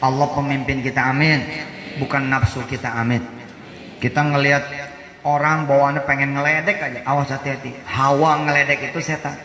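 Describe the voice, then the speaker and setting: A preacher in his forties gives a jokey, casual sermon, acting out short quoted voices along the way. His voice is medium-pitched, fairly flat, a bit fast and sharp in tone, with roomy hall reverb and faint background noise.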